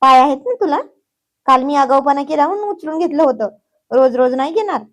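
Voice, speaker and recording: A woman's voice: sits high, animated, brisk. A woman voicing an exasperated young man who scolds and teases, still patient underneath. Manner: scolding, teasing.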